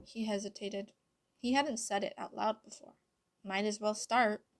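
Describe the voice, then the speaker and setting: A young woman narrating a fan story in an unhurried, even reading voice. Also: medium pitch. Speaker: fanfiction reader.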